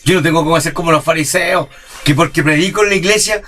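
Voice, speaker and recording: A man's voice: fairly high pitch, fast, a bit bright, soft background music. A man preaching a sermon, who keeps asking his congregation "¿cierto?" and acts out church members. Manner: impassioned, rhetorical "¿cierto?" questions, mimics church members.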